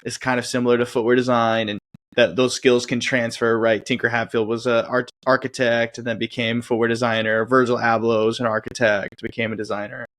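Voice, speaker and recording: A man's voice: medium pitch, little pitch movement, fairly quick, a bit bright. Easygoing man co-hosting a podcast. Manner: easygoing, agreeable, backchannels a lot. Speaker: podcast co-host. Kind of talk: casual podcast chat.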